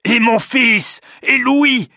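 A man reading the lines of an anxious, loving older father in a storybook, crying out loudly. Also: high voice, expressive, normal speed, husky, dry recording, studio quality, voice pushed up, full character voice. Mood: emotional.

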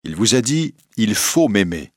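A man with a low, husky voice reading the lines of a young nobleman in love, speaking insistently. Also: sing-song, a little slow, dry recording, clean studio sound. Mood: impassioned.

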